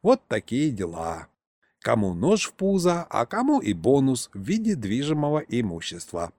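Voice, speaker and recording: Man voicing a sly old miner, folksy, lively rise and fall, dry close sound. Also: mid-range voice, normal speed, dry recording. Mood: yarn-spinning. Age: older. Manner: folksy, rambling storyteller. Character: crafty boastful old retired male miner.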